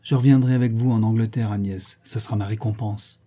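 A man reading the lines of a calm, devoted young English gentleman in an audiobook, gentle and reassuring. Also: lowish voice, a little fast, husky.

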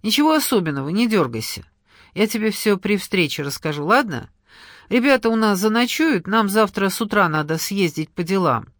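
A reader voicing a gentle, anxious young wife in an audiobook, soft and tender. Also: female voice, medium pitch, lively intonation, moderate pace, dry recording, clean studio sound, close to an everyday voice. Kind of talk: audiobook character reading.

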